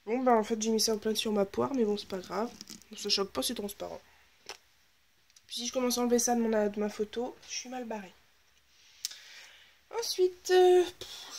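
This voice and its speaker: A woman with a fairly high, slightly mellow voice hosts a casual scrapbooking video, chatting and thinking aloud as she works and now and then dropping to a half-whisper. There is a little hiss or hum in the recording.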